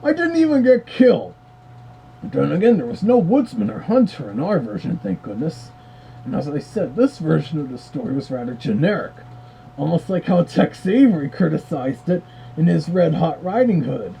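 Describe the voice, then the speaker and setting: A man gives wry, chatty commentary as the host of a review. His voice is gravelly and very dark. His pitch wanders widely as he talks. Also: sing-song, normal speed, a little hiss or hum, rough recording. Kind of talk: casual commentary.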